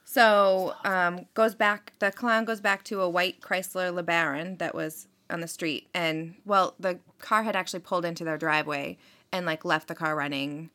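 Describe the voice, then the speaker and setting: Woman podcast host, casual true-crime storyteller, slightly low voice with a bright edge, lots of fillers. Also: fairly even intonation, moderate pace. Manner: chatty, filler-heavy, frequent "like" and "um".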